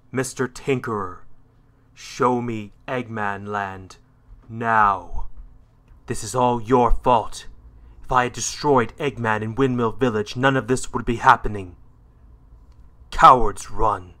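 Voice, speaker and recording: A man's voice: lowish voice, slow pace, pauses often, sharp tone. A man voicing a brooding, edgy hedgehog antihero in a cartoon style, proud and menacing, with a curt, scornful delivery. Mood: commanding, angry. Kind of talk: fan character voice reel, dramatic cartoon acting.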